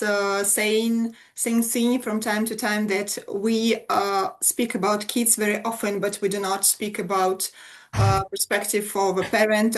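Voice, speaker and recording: Halting woman hosting an online event. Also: mid-range voice. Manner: halting, with fillers and loose phrasing. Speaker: event host, moderator. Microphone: video call.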